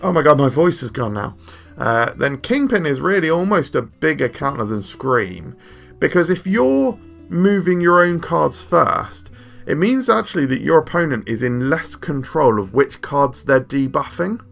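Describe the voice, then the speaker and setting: A young man with a bright, forceful voice talks through a card game review in a loose, rambling way. He keeps breaking into jokes and self-mocking asides as he explains. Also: on the high side, lively intonation, measured pace, creaky, faint music behind. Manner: jokey, rambling, self-deprecating. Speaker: card game video host.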